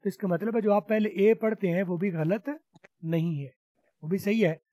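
A man's voice: high-pitched, moderate pace, dark tone, no room sound. A man teaching spoken English in an online class, patiently explaining and repeating sounds for students to copy. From Pakistan. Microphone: video call.

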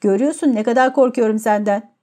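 A woman's voice: on the high side, fast talker, mellow, lightly acted. A woman voicing a proud, capricious young woman who mocks and scorns her suitor. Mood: scornful. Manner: mocking, scornful.

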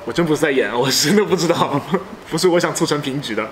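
一个二十多岁的男子，在视频里随意玩闹聊天，爱调侃，容易兴奋，时而哼唱几句。. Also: male voice, fairly high pitch, fast talker, over a noisy crowd. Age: 20s. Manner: excitable, teasing, frequently laughing. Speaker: challenge video co-host. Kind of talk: casual playful banter with bits of singing. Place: small indoor room. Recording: clearly noisy indoor video recording.

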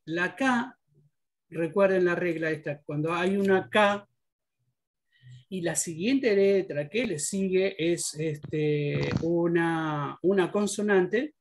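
A man teaching an English class, patiently explaining pronunciation rules step by step. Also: sits high. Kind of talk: online class instruction.

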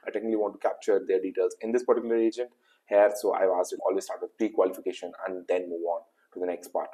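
A young tutorial host with an Indian English accent races through a screen-recorded tutorial, his talk loose and full of fillers. His fairly low, dark voice has little pitch movement, captured on a webcam mic in an indoor room.

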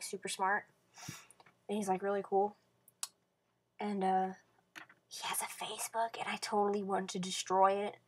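This bedroom vlogger speaks into a webcam mic on her computer in a slightly rough, mid-range voice. She wanders through her thoughts with plenty of fillers and false starts, sometimes mumbling softly and sometimes breaking into louder bursts.

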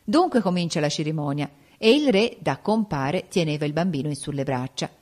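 Woman narrator, slightly low voice, folk tale audiobook. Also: expressive, a little fast, a little mellow. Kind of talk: reading a folk tale aloud.

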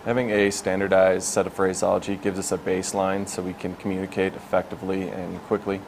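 A military air traffic controller in his twenties describes his job in a casual, matter-of-fact interview inside a glass-walled control tower. He talks fairly quickly in a low, completely flat voice.

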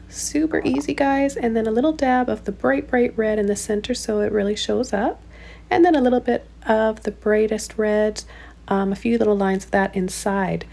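A woman narrating a painting tutorial in a gentle, encouraging way, with frequent ums and uhs. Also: fairly high pitch, gravelly. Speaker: painting instructor. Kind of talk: relaxed step-by-step tutorial narration.

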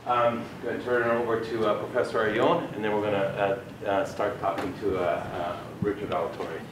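A man, a professor leading a class discussion in casual, halting speech with many fillers. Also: lowish voice, flat delivery. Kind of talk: classroom facilitation. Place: university classroom with students. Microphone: far camera. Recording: echoey classroom, distant camera mic, background noise.

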